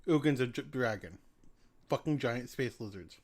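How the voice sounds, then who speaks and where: A man narrates a tabletop role-playing game as its game master. His delivery is dry and matter-of-fact, with an even middle pitch. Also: moderate pace.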